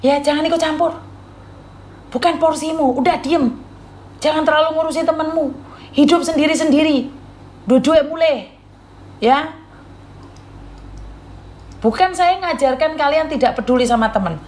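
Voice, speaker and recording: Stern high-voiced woman host. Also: moderate pace, long pauses, a little mellow. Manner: stern, scolding, repeats warnings. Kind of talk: lecturing live chat.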